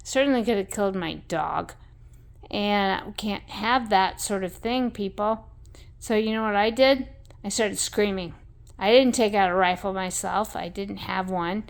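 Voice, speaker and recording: A woman's voice: medium pitch, clear, resonant tone. A woman telling a rambling story in a blunt, salty way, full of fillers and asides. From American West.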